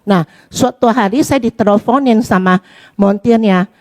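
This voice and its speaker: A woman's voice: medium pitch, moderate pace, a little mellow. A woman from Indonesia giving a personal testimony in a chatty storytelling way, acting out the dialogue. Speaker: church member giving testimony.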